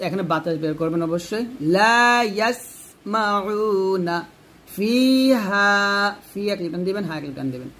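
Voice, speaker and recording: A man teaching Quran reading, reciting Arabic words slowly and drawing out the syllables, then explaining the pronunciation rules step by step. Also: a little high, a little mellow. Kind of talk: tajweed recitation lesson.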